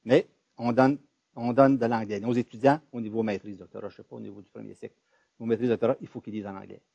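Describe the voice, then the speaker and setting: Warm-voiced Québécois professor, halting. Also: male voice, on the low side, fairly even intonation, creaky, no room sound, dull audio. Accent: Quebec French. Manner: hesitant, restarts with repeated words. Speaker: university professor giving a talk. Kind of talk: spontaneous academic talk.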